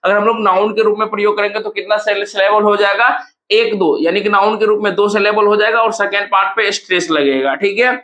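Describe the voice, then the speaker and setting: A man's voice: high-pitched, fairly even intonation, fairly quick, bright, forceful tone. A man teaching an exam-prep lesson, explaining step by step and asking the class repeated questions.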